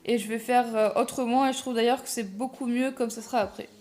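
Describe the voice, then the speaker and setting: A woman's voice: on the high side, steady tone, fast talker, darkish tone. A young woman talking through a casual makeup tutorial, chatty and self-mocking, full of fillers and restarts. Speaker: makeup vlogger.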